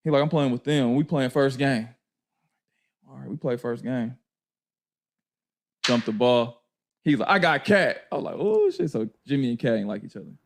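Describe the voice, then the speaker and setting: A man telling a basketball story in casual chat, laughing and acting out teammates in loud high voices. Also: steady tone, moderate pace, gravelly, pauses often. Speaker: former pro basketball player telling a story. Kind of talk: animated storytelling.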